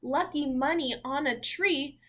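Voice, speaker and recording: In a fairly high, fairly bright voice, a woman teacher reads a children's picture book aloud at a very slow, sing-song pace. She adds small exclamations and asides, drawing young listeners in with questions.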